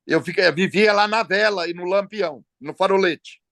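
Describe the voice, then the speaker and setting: A man in a relaxed interview over a call, telling long stories with hesitations and restarts. His voice sits a little high for a man. The sound is dry, with no room echo. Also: moderate pace, vocal fry. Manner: relaxed, storytelling with frequent hesitations. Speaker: entrepreneur interviewee. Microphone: phone or video call.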